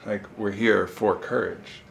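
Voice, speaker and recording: Man, thirties, low voice, earnest casual conversation, noisy background. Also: unhurried, gravelly. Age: 30s. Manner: earnest, philosophical, casually sweary. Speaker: interviewee, show host. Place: small sauna. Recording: echoey room with steady background noise.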